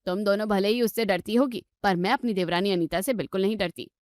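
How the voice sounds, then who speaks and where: A woman's voice: medium pitch, fast talker, darkish tone, dry recording, studio quality, pitched below the performer's own voice, close to an everyday voice. A woman voicing a stern, protective elder sister-in-law in a cartoon story, firm and indignant.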